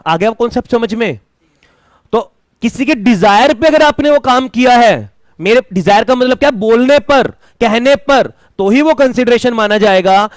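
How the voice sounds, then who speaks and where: A man's voice: high-pitched, no room sound, clean studio sound. A man teaching a classroom lecture, asking students questions and mixing English terms into his talk. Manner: mixes Hindi with English terms.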